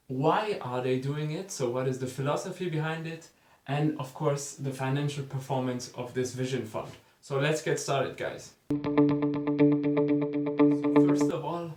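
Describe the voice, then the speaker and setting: A man with a mid-range voice hosts a beginner-friendly finance explainer. He talks to his viewers directly in a relaxed, chatty manner. His voice rings in a noticeably roomy, echoing space. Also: medium pitch. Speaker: finance video host.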